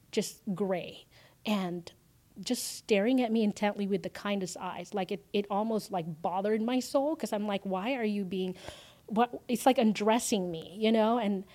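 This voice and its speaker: A woman, a podcast guest, telling an emotional personal story, swinging from hushed moments to loud exclamations. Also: mid-range voice.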